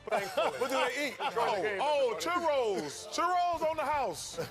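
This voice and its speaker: A man's voice: very high voice, sing-song, unhurried, loud music behind the voice. A man on a TV sports panel, teasing and chuckling as he repeats the same joke. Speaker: TV basketball analyst. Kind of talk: joking studio banter.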